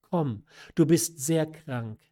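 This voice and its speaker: A man's voice: fairly high pitch, slow, warm tone. A man reading aloud who voices a stern, reproachful aristocratic mother in a classic story. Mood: agitated. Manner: reproachful, agitated. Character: stern aristocratic mother, middle-aged woman. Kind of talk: audiobook reading of a classic novella.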